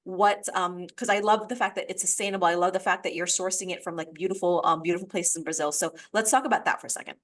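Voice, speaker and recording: A woman's voice: on the low side, steady tone, fast, few pauses. Enthusiastic woman podcast host. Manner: enthusiastic, affirming. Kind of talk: conversational interview.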